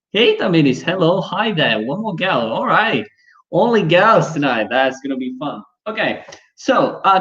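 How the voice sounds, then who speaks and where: Through dull, lo-fi stream audio comes a young man's medium-pitched, fairly bright voice with a Brazilian Portuguese accent. He's teaching English live online, chatting away and leaning heavily on fillers such as "you know."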